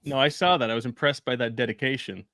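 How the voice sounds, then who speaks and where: A man's voice: medium pitch, quick pace, pushed and bright, no room sound, clean studio sound. A man joining as a guest in casual banter, joking and laughing often. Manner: joking, laughing, self-deprecating. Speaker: guest comedian.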